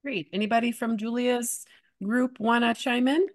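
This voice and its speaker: Woman moderator on a video call, brisk and friendly, fairly high voice. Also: fairly even intonation. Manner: brisk and friendly, moving things along. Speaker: workshop moderator. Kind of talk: moderating an online workshop.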